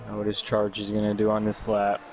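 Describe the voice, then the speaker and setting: Flat-toned, low-voiced male race co-commentator. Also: a little fast, lo-fi sound, faint music behind. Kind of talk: casual live sim racing commentary.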